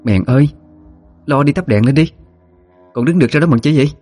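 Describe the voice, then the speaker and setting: A man voicing a sharp-tongued middle-aged wife who nags her servant, in a storybook reading. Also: mid-range voice, animated, racing, slightly rough, soft background music, pitched above the performer's own voice. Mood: shrill scolding. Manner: sharp, nagging. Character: shrill scolding middle-aged wife of the house.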